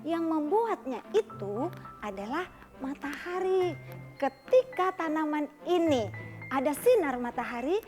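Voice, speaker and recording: A woman voicing a gentle older male farmer who speaks slowly and kindly. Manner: slow, lowered, kindly.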